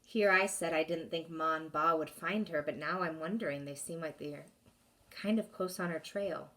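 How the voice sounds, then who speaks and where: A woman teacher reading a chapter book aloud to her class, expressive and pausing to ask questions. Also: low-pitched, distant mic.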